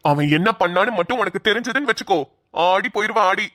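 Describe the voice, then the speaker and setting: A woman's voice: mid-range voice, moderate pace, fairly bright tone, dry recording, studio quality, lightly acted. A woman voicing a bossy, teasing older brother, a grown man, in a cartoon. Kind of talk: cartoon voice acting.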